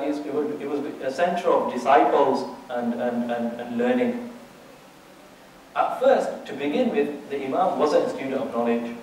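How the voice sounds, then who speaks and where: A man's voice: on the high side, darkish tone, a little hiss or hum. Echoey lecture, man teaching from afar. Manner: talks to the audience with rhetorical questions and checks; frequent restarts and repeated words. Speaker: Islamic teacher. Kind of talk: religious lecture. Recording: very echoey room, distant mic.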